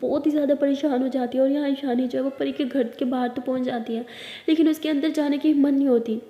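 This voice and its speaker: A woman narrating a serial love story in an emotive, steady manner. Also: sits high, quick pace, dull audio. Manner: emotive, retelling in present-continuous. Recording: echoey room with long reverb.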